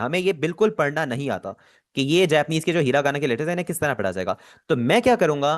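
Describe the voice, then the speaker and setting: Male teacher. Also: fairly high pitch. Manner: explains patiently, repeats words slowly for students. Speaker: Japanese language teacher. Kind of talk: online class lesson.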